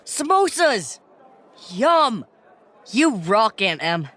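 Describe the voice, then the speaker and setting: A wisecracking teenage schoolboy who whines and jokes with a lively, bouncing pitch. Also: slow pace, noisy background. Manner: whiny and joking.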